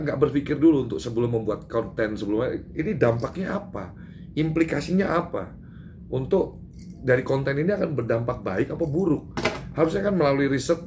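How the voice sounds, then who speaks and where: A man's voice: mid-range voice, a little hiss or hum. Emphatic Indonesian man speaking to reporters. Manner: animated, emphatic, many fillers and restarts. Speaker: public figure giving a press statement. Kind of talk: doorstop interview with reporters.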